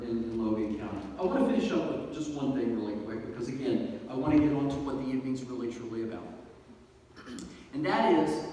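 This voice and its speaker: A man's voice: fairly high pitch, warm tone, a little hiss or hum. A man giving an earnest banquet speech with folksy humor as a guest speaker from a law-enforcement agency. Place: banquet hall. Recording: echoey hall from a distance.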